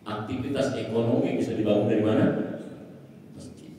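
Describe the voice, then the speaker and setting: A man's voice: lowish voice, fairly even intonation, fairly quick, warm tone, a little hiss or hum. A man preaching a sermon in a mosque, emphatic, asking rhetorical questions and answering them himself. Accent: Indonesian. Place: mosque hall. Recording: echoey hall from far off.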